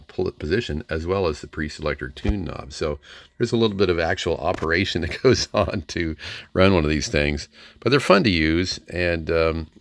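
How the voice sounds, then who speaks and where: Showing a receiver off the cuff, this middle-aged ham radio enthusiast has a very deep, creaky voice with a slightly bright edge. His manner is folksy, plain and hesitant, and the recording has no room sound.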